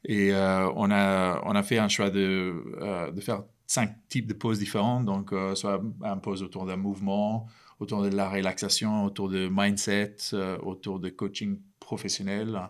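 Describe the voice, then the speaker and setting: A man with a low, smooth and resonant voice speaks as a podcast guest in a language that is not his first. He explains slowly and haltingly, with many fillers. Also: little pitch movement. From Ireland, raised in Spain. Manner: hesitant, halting. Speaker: entrepreneur guest. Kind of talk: casual interview.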